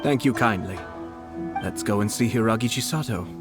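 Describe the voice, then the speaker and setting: A man's voice: fairly low pitch, music in the background, natural voice. Man playing a composed, courteous young nobleman. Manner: measured, polite, formal. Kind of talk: video game character acting.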